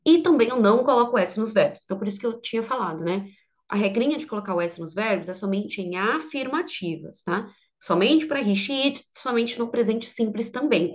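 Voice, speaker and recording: A woman English teacher with a Brazilian Portuguese accent giving an online grammar lesson, slowing down to model example sentences. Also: mid-range voice, dull audio.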